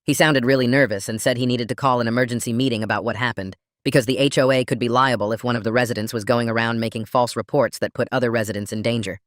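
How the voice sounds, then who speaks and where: Male storyteller, mid-range voice, steady scripted narration, dry studio sound. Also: medium pitch, no echo.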